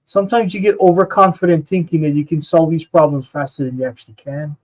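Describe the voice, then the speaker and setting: A man's voice: a little high, fairly even intonation, quick pace, low-quality recording. A man co-hosting a casual art stream, rambling with lots of fillers and "you know what I mean". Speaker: co-host and illustrator.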